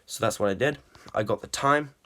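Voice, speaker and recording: Man, low-ish voice, breathless post-run vlogger, rambling filler-heavy delivery. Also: brisk, fairly bright tone. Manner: rambling, many ums and uhs. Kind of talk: casual running vlog.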